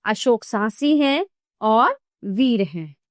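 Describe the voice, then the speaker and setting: A woman's voice: fairly high pitch, expressive, slow, no room sound. A woman voicing a proud young noblewoman who haughtily defends an emperor's might. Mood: haughty. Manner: haughty, indignant.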